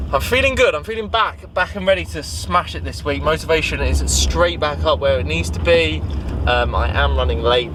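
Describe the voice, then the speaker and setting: A man talks casually into a handheld camera, chatty and upbeat, looping back with fillers and restarts as he goes. His voice sits at an ordinary middle pitch for a man. A faint wash of background noise sits behind him. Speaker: fitness vlogger. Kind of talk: casual vlog chat.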